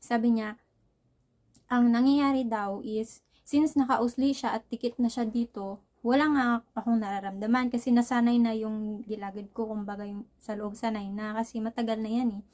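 A woman's voice: on the high side, fairly even intonation, normal speed, darkish tone. A young woman from the Philippines, telling a casual, rambling personal story and laughing often. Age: young adult. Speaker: vlogger.

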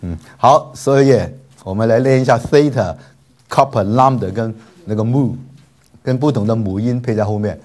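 Teaching a class, this medium-pitched man with a darkish tone drills students on repeated syllables they echo back. His delivery is slow and stretched out, peppered with filler particles and playful side remarks.

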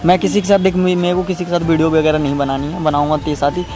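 A man's voice: fairly high pitch, flat delivery, very fast, over music. Crying man pleading insistently. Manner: pleading, insistent, repeats himself. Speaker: YouTuber and prank target. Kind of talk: emotional couple vlog talk.

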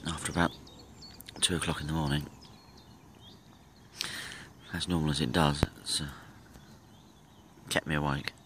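A man with a very low voice gives relaxed, rambling commentary while he films by a lakeside. His camera mic is close, and clear outdoor and nature sounds carry along behind his words. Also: slight background noise. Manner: relaxed, rambling, thinking aloud with pauses. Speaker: angler filming his fishing trip. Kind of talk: casual self-filmed commentary. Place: outdoors by a lake. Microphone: handheld camera from behind the lens.

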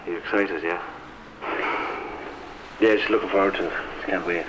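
An actor playing a low-key man on a late phone call in naturalistic film dialogue. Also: fairly even intonation, moderate pace, natural voice. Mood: warm, subdued. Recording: background noise.

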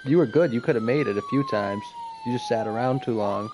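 A man's voice: mid-range voice, huge pitch swings, a little fast, background noise. A man in casual chat with friends while playing an online game, teasing and crude, with game music behind him.

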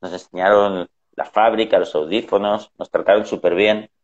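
A man's voice: on the low side, fairly even intonation, moderate pace. A middle-aged man telling family anecdotes in casual conversation, acting out the voices he quotes. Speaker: guest. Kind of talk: conversational storytelling. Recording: dull lo-fi sound.

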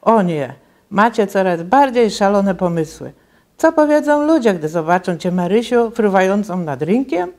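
A woman's voice: mid-range voice, very animated, moderate pace, a little mellow. A woman voicing a father who grumbles at magic and then exclaims cheerfully, in a children's story read aloud. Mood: grumbling. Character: grumbling father, wary of magic but giving in.

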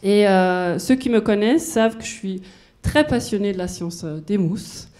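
A woman's voice: medium pitch, moderate pace, dark tone. A woman in her forties with a German accent, a research physicist giving a conference talk, moving about and explaining with everyday examples. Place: university lecture hall. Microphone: handheld microphone.

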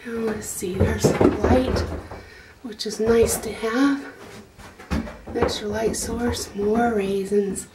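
A middle-aged woman with a fairly high, fairly even voice speaks slowly, giving a rambling, homespun walkthrough of her small wooden goat barn, full of fillers and restarts. It's casual narration shot on a handheld phone camera, with heavy background noise.

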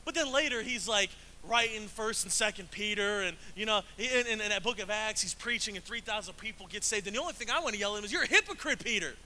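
A man preaching with a high, very bright voice, talking to the congregation in a casual, animated way. He uses slang and acts out the voices he quotes with big jumps in pitch. A faint hiss sits under the recording. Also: fast talker, few pauses, rough recording. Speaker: pastor. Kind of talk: sermon.

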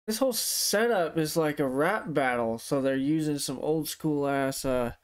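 Young man, clear voice, swollen-face speech. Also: on the high side, unhurried. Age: young adult. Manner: speech affected by a swollen face and sore tooth; slangy, profane. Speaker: music reaction host. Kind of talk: casual reaction commentary. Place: living room at home.

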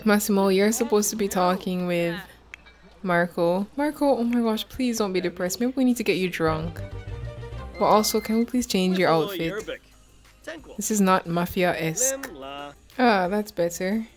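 A woman's voice: medium pitch, moderate pace, soft background music. A woman gaming YouTuber giving chatty, giggly let's-play commentary, bossing her characters around.

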